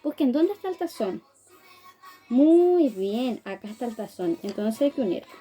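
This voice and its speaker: A woman's voice: a little high, sing-song, moderate pace, mellow, husky, faint music behind. A woman teaching a phonics lesson to small children, sounding out words syllable by syllable and praising them often. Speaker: preschool teacher.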